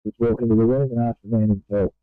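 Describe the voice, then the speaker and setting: A man's voice: medium pitch, steady tone, fast, smooth, dry recording, phone-quality sound. A man with an Australian accent working as an emergency radio dispatcher, heard over a two-way radio and speaking in clipped, procedural codes. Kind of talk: radio call.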